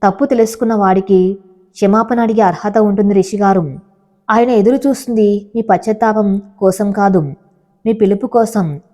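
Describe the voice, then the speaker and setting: A woman voicing a calm, gently firm young village wife, with a dark, mellow voice. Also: mid-range voice, normal speed, close to an everyday voice.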